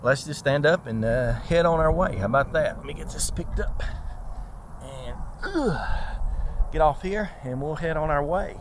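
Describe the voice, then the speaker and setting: A man's voice: a little high, normal speed, noisy background. A man hosting a casual walk-and-talk vlog outdoors in a park, an easygoing, rambling talker with plenty of fillers who shares his own story as a transplant recipient.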